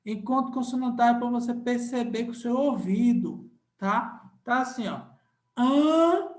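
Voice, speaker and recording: A man's voice: very high voice, normal speed. A man with a Brazilian Portuguese accent teaching a grammar lesson, drawing out words and repeating key phrases while checking in with his students. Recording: echoey room.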